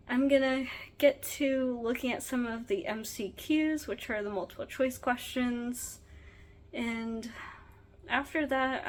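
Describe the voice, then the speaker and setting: A woman's voice: on the high side, slight background noise, poor audio. Chatty young woman vlogging to camera. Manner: chatty and candid, with frequent "um" and "like". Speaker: veterinary student vlogger. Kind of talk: casual diary vlog to camera.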